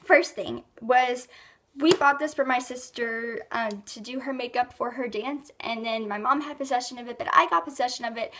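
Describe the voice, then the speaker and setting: A young woman with a high, bright pitch and a lilt, chatting through her monthly favorites. She sounds a little under the weather, and she rambles with plenty of ums and likes. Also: moderate pace, background noise. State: sick, voice a bit rough. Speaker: beauty vlogger. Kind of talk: casual rambling product review.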